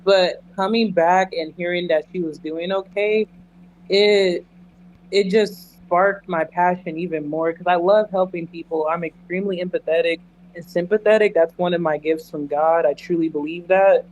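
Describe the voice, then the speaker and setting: A man with a high, steady, slightly mellow voice speaks at a moderate pace as an interview guest, an emergency dispatcher. He answers earnestly, candidly and emphatically, repeating phrases for weight, over slight background noise in a low-quality recording.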